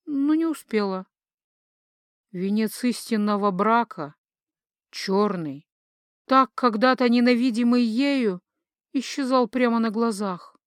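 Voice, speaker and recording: Expressive woman reading an audiobook. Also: on the high side, slow, pauses often, no room sound, clean studio sound. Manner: expressive, lively storytelling intonation. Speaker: audiobook narrator. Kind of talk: scripted narration.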